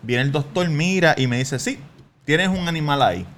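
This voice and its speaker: Puerto rican guy telling a crazy story on a podcast, pitch all over the place, slight noise. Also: normal speed. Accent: Puerto Rican Spanish. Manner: animated storyteller, acts out quotes, bursts into laughing shouts. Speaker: podcast co-host. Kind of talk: casual storytelling chat.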